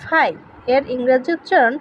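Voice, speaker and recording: A woman teaching a pronunciation lesson, reading out letter pairs and example words one by one in a slow, deliberate way. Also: high voice, muffled recording, slight background noise.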